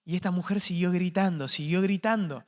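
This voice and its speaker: High-voiced preacher in a church. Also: male voice, fairly quick. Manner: impassioned, rising to shouts then dropping to quiet. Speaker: pastor. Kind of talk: sermon. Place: church sanctuary. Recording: long church reverb.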